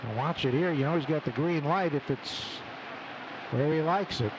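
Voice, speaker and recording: During a live radio broadcast from a noisy outdoor ballpark, a man with a voice on the high side calls play-by-play in clipped phrases at a moderate pace. Steady background noise persists, and the recording is muffled.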